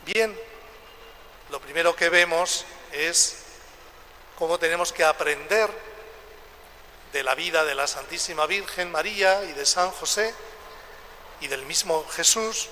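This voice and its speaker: A man speaks as a priest at Mass, his forceful, bright voice ringing through long cathedral echo. He delivers scripture and homily slowly, in short measured phrases, with some noise behind him. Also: fairly high pitch. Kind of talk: liturgical Gospel reading and homily. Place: large reverberant church, public address during Mass. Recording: echoing church with long reverb, background noise.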